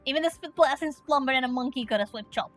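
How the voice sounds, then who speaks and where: A woman's voice: high-pitched, moderate pace, a bit bright, soft background music. A woman giving casual commentary as she plays through a game.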